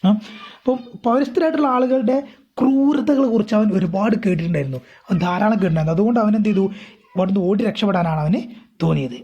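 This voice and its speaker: A woman teacher with a Kerala accent explains an English story, reading lines slowly and then rephrasing them again and again. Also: mid-range voice, animated, mellow, husky. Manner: repeats and rephrases often. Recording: dull lo-fi recording.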